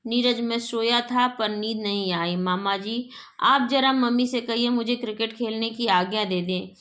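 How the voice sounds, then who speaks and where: A woman's voice: fairly high pitch, a little slow, a bit bright. A woman reading aloud as a young boy in a play who pleads with his uncle and mother. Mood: pleading.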